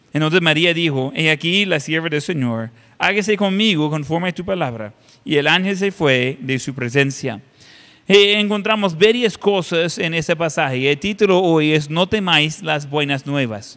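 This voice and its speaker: A male pastor giving a sermon and reading scripture, halting and conversational with many filler sounds. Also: on the high side, sharp tone. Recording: long reverb of a hall.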